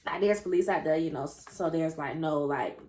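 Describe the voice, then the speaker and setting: A woman's voice: deep voice, fairly quick, a little mellow, slight background noise. Young woman doing a mukbang story time, sassy and chatty, mouth full of food, calls everyone honey. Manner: chatty, sassy, talks to viewers as y'all and honey; eats between lines, mouth full of food. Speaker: mukbang vlogger. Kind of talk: casual story time while eating.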